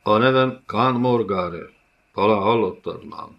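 A man's voice: on the low side, highs cut off, close to an everyday voice. A man voicing a tough male nomad warrior who speaks curtly and grumbles. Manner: curt, grumbling.

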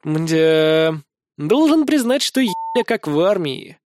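A man's voice: a little high, sing-song, slow pace, darkish tone. A man reading first-person fantasy narration for an audiobook, in a wry, colloquial way with mild swearing.

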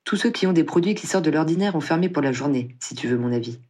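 Impatient, no-nonsense witch cop, as a reader puts her on, barking orders in a husky voice. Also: mid-range voice, lively intonation, fast, darkish tone, lightly acted. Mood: brusque. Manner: curt, commanding. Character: blunt tough female wizard officer, impatient.

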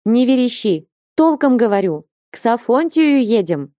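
A woman reading an audiobook voices a lively, teasing young novice girl in a higher, sing-song voice. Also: normal speed, no room sound, clean studio sound, lightly acted. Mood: insistent.

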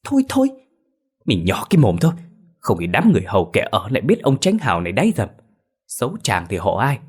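A pompous but cowardly old village chief pleads in a low, husky voice, as a male storyteller plays him. His pitch rises and falls in lively swings. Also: fast talker, exaggerated voice. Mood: hushed. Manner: frightened, pleading, mutters.

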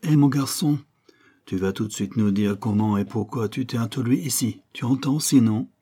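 A man's voice: medium pitch, normal speed, mellow, slightly rough, voice pushed up, close to an everyday voice. A man voicing a menacing male crook with an English accent, sarcastic and threatening, in an audiobook.

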